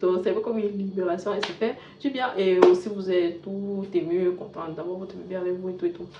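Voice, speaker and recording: Woman telling a lively story in an echoey room. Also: lowish voice, a little fast. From Cameroon. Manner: animated retelling, with bursts of loudness and soft asides. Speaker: vlogger. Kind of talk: casual storytelling vlog. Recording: echoey room, dull lo-fi sound with faint hiss.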